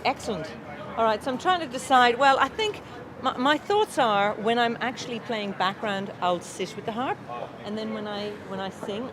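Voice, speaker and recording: A woman musician chatting casually outdoors, repeating words as she thinks aloud in a hesitant way. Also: on the high side. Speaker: harp teacher and musician. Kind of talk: casual chat. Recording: outdoors with crowd chatter behind.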